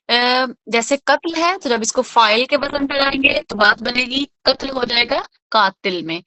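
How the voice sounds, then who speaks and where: A woman's voice: fairly high pitch, bright, forceful tone. A woman teaching a religious lesson, patiently explaining each word and often checking that her students follow, with English words mixed into her speech. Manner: patient, repeats 'theek hai?' to check understanding. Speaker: Quran teacher.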